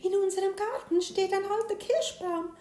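A woman's voice: fairly even intonation, moderate pace. A woman doing sing-song sly elf girls. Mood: eager. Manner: high, sing-song, teasing. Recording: roomy echo, soft guitar behind.

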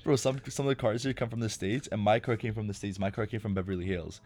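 A man's voice: on the low side, fairly even intonation, fast talker, darkish tone. A young man co-hosting a podcast, chatting casually in a crude, slangy way and acting out quoted people. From Albania. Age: young adult. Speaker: podcast co-host. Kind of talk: casual chat.

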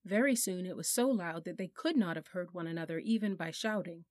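Female storybook narrator, measured and softly expressive, dry close mic. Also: fairly low pitch, dry recording. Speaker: audiobook narrator.

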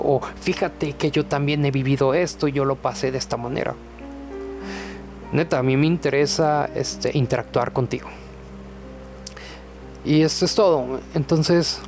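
Slow, relaxed young man. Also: mid-range voice. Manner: relaxed, chatty, with many fillers and joking asides. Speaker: podcast host.

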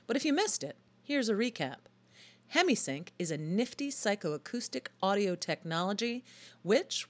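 A woman hosting a short radio feature, telling her story as scripted narration in a wry, enthusiastic way. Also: mid-range voice.

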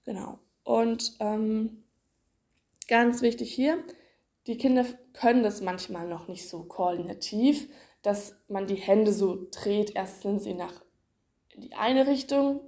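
A woman with a mellow, mid-range voice hosts a podcast, casually explaining swimming exercises for children. She uses playful images and plenty of fillers.

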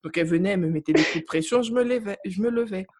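A woman's voice: medium pitch, racing, crowd noise. A young woman from Africa chatting casually on a podcast, telling stories emphatically. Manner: emphatic, animated storytelling. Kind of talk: casual chat.

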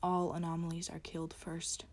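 Woman playing a cold, gloating night creature for a horror reading; low, loud threats sinking into whispers. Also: monotone, moderate pace, natural voice. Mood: menacing. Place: closet.

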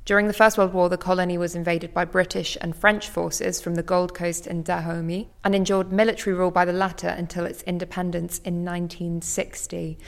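A woman hosting an arts podcast, reading scripted narration and interview questions in a measured, articulate way. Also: on the low side, little pitch movement, creaky.

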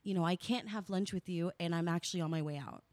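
A woman's voice: on the low side, quick pace, a little mellow, no room sound. A woman co-hosting a podcast in casual chat, chatty and self-deprecating, laughing often. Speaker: podcast co-host.

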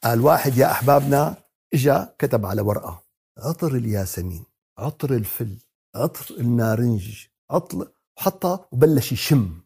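A man teaching Quran commentary. He asks the audience questions, answers them himself, and addresses the listeners warmly. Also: medium pitch, expressive, normal speed, creaky, breathy edge. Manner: talks to the audience as "beloved ones" in a warm teaching tone.

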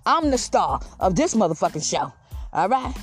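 A woman's voice: mid-range voice, sing-song, normal speed, slightly rough, faint music behind. A woman podcast host calling out from her backyard, ranting casually in a brash, defiant, profane way. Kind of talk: casual rant with rhymed boasts. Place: outdoors in a backyard.

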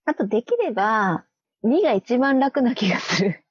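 A woman's voice: on the high side, sing-song, normal speed, slightly rough, no echo. A woman chatting casually with a friend, playfully sounding out made-up syllables and giggling often. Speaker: co-host. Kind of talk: casual chat. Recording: dull lo-fi dry recording.

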